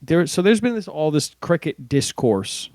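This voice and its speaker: Male podcast co-host, casual, animated storyteller, higher voice, dry close mic. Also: moderate pace, no echo. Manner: animated storyteller, laughs while telling. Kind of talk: casual sports podcast chat.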